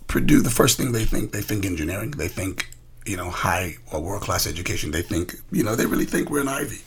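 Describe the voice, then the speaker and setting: Being interviewed, the Bahamas-raised college coach spins casual stories with emphasis, frequently repeating himself. He talks low and brisk with an expressive delivery, against slight background noise.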